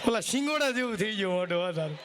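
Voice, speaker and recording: A man's voice: sits high, lively intonation, fast talker, background noise. A man telling jokes live on stage, teasing the crowd and checking they follow. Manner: chatty, teasing the crowd, asks "samjya?". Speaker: stage comedian. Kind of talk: live folk comedy storytelling.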